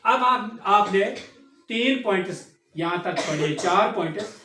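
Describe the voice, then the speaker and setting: A man's voice: high-pitched, lively intonation, a little slow, a crowd in the background. A man teaching a school science class, repeating key terms and asking students to call them back. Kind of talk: classroom lecture. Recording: echoey classroom, distant mic.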